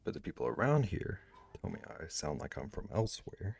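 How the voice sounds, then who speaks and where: Streaming live as he draws, a man with a low, husky, darkish voice talks briskly, with big pitch swings and vocal fry. He chats casually, reading and answering chat in a rambling way full of "like" fillers and restarts.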